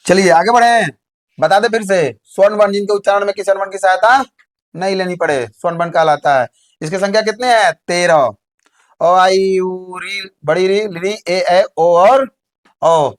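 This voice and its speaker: A man teaching a board exam lesson, who repeats his points and keeps asking the class whether they have understood. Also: sits high. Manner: repeats points, checks with "samjhe?".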